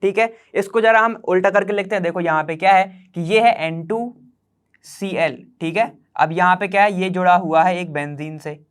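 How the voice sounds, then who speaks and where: A man's voice: sits high, moderate pace, clear, resonant tone. A man teaching chemistry problems step by step, chatty, quizzing the viewer and checking in with short "okay"s as he works. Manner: chatty, quizzes the viewer, keeps saying "theek hai".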